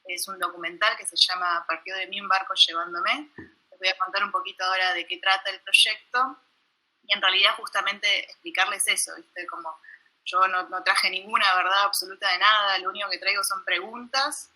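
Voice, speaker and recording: A young woman with a Buenos Aires accent, a documentary filmmaker giving an informal, self-deprecating talk over a video call, halting with many restarts. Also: mid-range voice, fairly even intonation, pushed and bright, rough recording. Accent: Buenos Aires Spanish. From Buenos Aires, Argentina. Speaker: documentary filmmaker presenting her work.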